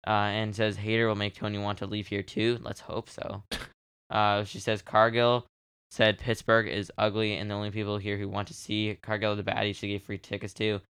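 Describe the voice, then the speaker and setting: Smooth-voiced man recapping wrestling. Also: on the low side, flat delivery, normal speed, fairly bright tone, dry recording. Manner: reads match notes, laughs often. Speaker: podcast co-host. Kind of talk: casual wrestling recap chat.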